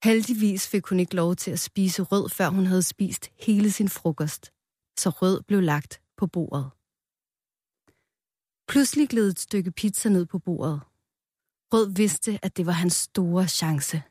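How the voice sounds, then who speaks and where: A woman reading a children's story aloud in a calm, playful storytelling manner, close to the mic. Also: lowish voice, slightly rough, dry recording.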